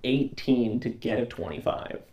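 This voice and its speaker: A woman playing in a tabletop game, wry and quick to laugh. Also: extremely low pitch, fairly even intonation, warm tone, muffled recording. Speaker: player. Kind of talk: casual tabletop play. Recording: echoey room.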